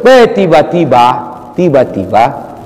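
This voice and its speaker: A middle-aged man preaching to a live audience, telling animated jokes and jumping to a high pitch for punchlines. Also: takes it slowly, background noise. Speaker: Islamic preacher. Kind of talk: humorous sermon to an audience. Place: large hall with live audience. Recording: echoey hall with faint ambience.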